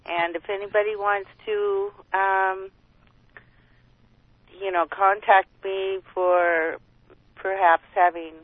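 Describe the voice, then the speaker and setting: A woman calling in to a radio show over the phone, talking in a plain, unhurried way as an advocate. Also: mid-range voice, level tone, dry recording. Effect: phone line. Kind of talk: casual call-in chat. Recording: tinny phone line, dry.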